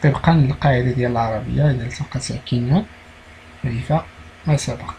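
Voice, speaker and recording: A man with a Moroccan accent, teaching a primary school French lesson, explaining slowly and repeating key words. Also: mid-range voice, vocal fry, darkish tone, slight background noise, poor audio.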